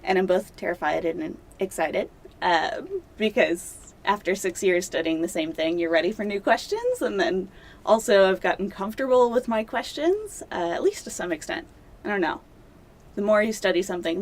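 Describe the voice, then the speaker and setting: In a dark studio, a young woman working toward her doctorate gives a relaxed interview, chatty and self-mocking with frequent fillers. Her voice sits in the mid-range.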